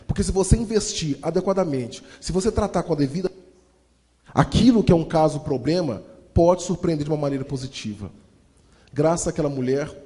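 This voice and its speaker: Brazilian storyteller in a booming hall. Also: male voice. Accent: Brazilian Portuguese. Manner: lively, acts out voices, addresses audience as "gente". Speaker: motivational speaker and storyteller. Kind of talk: dramatic motivational storytelling. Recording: long hall reverb.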